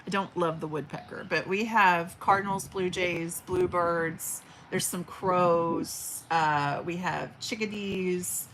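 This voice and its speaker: A forties-aged woman hosts a casual livestream, reading viewer comments in a chatty, affectionate big teacher voice with frequent fillers and restarts. Her lowish voice is steady and fairly bright, taking things slowly with hardly any pauses. She's at home by an open window with birds outside, and the low-quality recording has a little hiss or hum.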